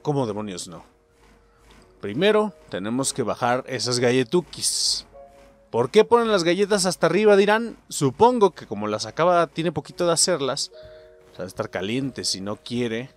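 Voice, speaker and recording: A man with a Mexican accent commentating a video game as host, excitable and swearing, shouting at the game. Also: mid-range voice. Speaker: gaming channel host. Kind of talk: let's play commentary.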